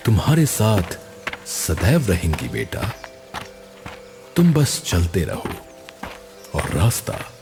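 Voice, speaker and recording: A man as a calm wise old holy man. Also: low-pitched, vocal fry, full character voice. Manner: calm, blessing.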